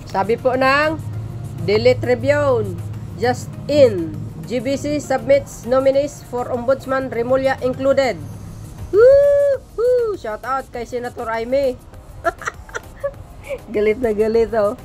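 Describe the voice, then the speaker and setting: A woman vlogging casual political commentary, chatty and teasing, reading names aloud with frequent exclamations. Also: medium pitch.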